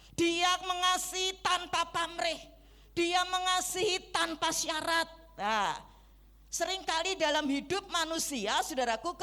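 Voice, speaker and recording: A woman's voice: high voice, fairly bright tone. A woman preaching a Christmas sermon in a conversational way, putting questions to the congregation and acting out little everyday scenes. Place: church service.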